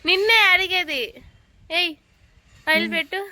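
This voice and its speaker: A woman's voice: very high voice, normal speed, sharp tone, no room sound. A woman vlogger chatting casually at home in a playful, teasing, coaxing way. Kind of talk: casual home vlog chat.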